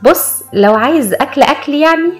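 A woman with an Egyptian accent voicing a spoiled, sharp-tongued young wife, shrill and demanding. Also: expressive, moderate pace, faint music behind. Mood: dismissive.

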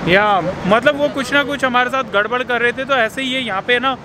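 A man's voice: very high-pitched, fairly quick. A man in his thirties from India with an Indian accent, chatting to a handheld camera as a travel vlogger on a busy city street, slipping English phrases into his talk. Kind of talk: casual vlog narration to camera. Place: busy city street and subway station outdoors. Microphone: handheld camera at arm's length. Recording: street noise behind.

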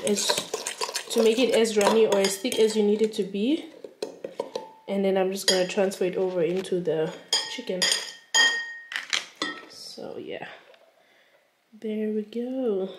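A woman's voice: medium pitch, fairly even intonation, a little slow, pauses often, very noisy. A young woman chatting casually in a home cooking vlog, rambling along with lots of filler words. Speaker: vlogger. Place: home kitchen. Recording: echoey kitchen, distant camera mic, kitchen clatter.

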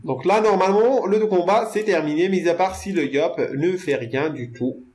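A man's voice: high voice, moderate pace, darkish tone. A young man casually commentating his own video game play, joking, rambling to his viewers and stammering over repeated words.

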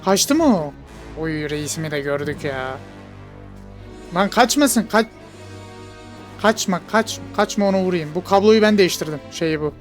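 A man giving casual let's play commentary, jokey and excitable, bantering with game characters. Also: high voice. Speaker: gamer.

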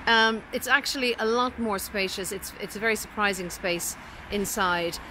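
With background noise behind her, a forty-something Irish estate agent walks through an empty commercial unit of large bare rooms, chattily explaining the property. Her voice sits at medium pitch, with fairly even intonation and a moderate pace.

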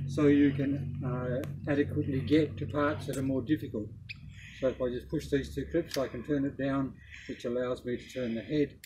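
A man's voice: medium pitch, mellow, a little hiss or hum, rough recording. An older man with an Australian accent casually demonstrating a garden tool in a suburban front garden, speaking plainly and unhurriedly with frequent ums and uhs, recorded on a camera mic. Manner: plain, unhurried, hesitant with fillers. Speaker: product demonstrator. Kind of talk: casual product demo.

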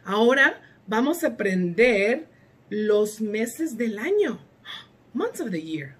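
A woman teaching a bilingual lesson to young children, counting and naming months in a slow, sing-song way with lively exclamations. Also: on the high side, slightly rough.

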